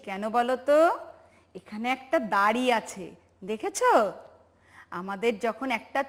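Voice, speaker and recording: A woman's voice: fairly high pitch, fairly bright tone. A woman teacher with a Bangladeshi Bengali accent gives a home-learning lesson to young children, patiently drawing out each word and asking them to repeat after her. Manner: slow, patient, drawn-out recitation with call-and-response questions. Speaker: pre-primary teacher.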